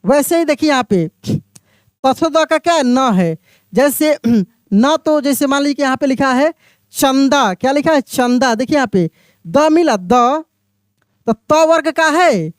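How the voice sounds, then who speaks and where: A man teaching a beginners' reading lesson, explaining slowly, repeating each word and putting questions to the listener. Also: very high voice, lively intonation, dry recording, clean studio sound. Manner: addresses the viewer as my friend.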